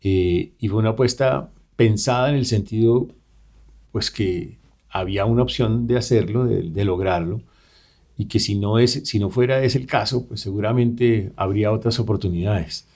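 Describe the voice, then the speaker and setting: A middle-aged man, answering radio interview questions in a measured, earnest way from a studio. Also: lowish voice, darkish tone. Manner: measured, earnest, explaining at length. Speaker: vice president-elect, guest.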